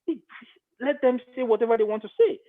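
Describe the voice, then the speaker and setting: Over a thin, phone-like line, a man with a Nigerian accent gives his opinions in a podcast discussion. His voice is very high-pitched and brisk, and he drives his points home emphatically by repeating phrases.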